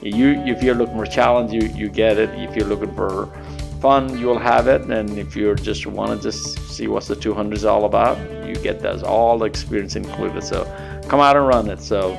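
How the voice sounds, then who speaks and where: A man from Nepal, hosting a casual podcast interview in a halting way, with many fillers and restarts. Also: on the low side, fairly even intonation, creaky, music in the background. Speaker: podcast host.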